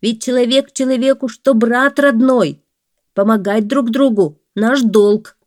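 Woman doing a frantic, pleading trapped man, high and loud, dry. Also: unhurried, dry recording, lightly acted. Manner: pleading, raised voice.

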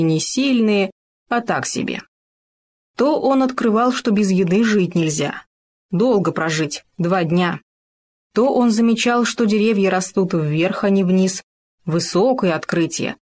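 A woman's voice: medium pitch, unhurried. Woman reading a children's story aloud. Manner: lively, expressive storytelling.

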